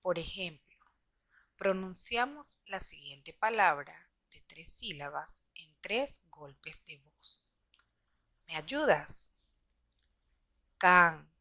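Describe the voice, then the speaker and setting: Female teacher reading a scripted lesson to pupils, unhurried and deliberate, dry recording. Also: on the low side, animated, bright, forceful tone, no echo. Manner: slow, deliberate explaining to children.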